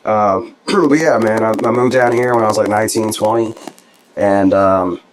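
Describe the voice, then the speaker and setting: A man's voice: fairly low pitch, fairly even intonation, normal speed, noisy background. A young man from New Jersey, a musician guest, chatting casually in an interview, tired and hungover, laid-back and rambling with lots of fillers.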